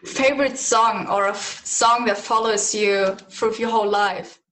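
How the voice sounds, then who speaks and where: A woman hosting a podcast interview, eager and quick to laugh as she moves through her questions. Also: medium pitch, fairly even intonation, fairly bright tone. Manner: eager, giggly, fast-moving questions. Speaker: podcast host. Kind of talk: casual interview.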